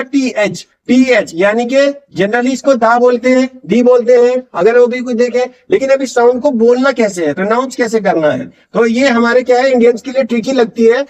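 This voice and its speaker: A man teaching English pronunciation in a classroom-style lesson, drilling words by slow repetition and answering his own questions. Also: very high voice, a little mellow, lo-fi sound. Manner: asks questions and answers them himself.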